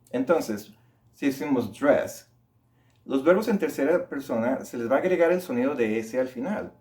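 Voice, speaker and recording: A male English teacher walks learners through pronunciation. He explains each sound in a patient, even tone, then says the example words slowly and repeats them for practice. His voice sits at a medium pitch. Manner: slow, drawn-out model words repeated for practice.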